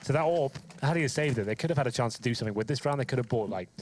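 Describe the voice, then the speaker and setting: A man's voice: medium pitch, racing, a little mellow. A man breaks down the tactics of a shooter match at a breakneck pace, in a casual, analytical way with plenty of fillers. Faint game noise sits behind his voice. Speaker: color commentator. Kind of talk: esports analysis commentary.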